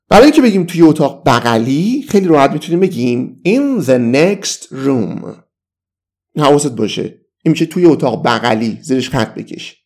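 A man teaching an English vocabulary lesson, slowly repeating each example sentence. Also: mid-range voice, creaky, darkish tone. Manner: slow, deliberate repetition of example sentences.

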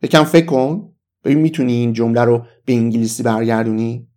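A man with a Persian accent teaching English vocabulary in a casual, enthusiastic lesson, saying the English phrases slowly. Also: medium pitch, little pitch movement, darkish tone.

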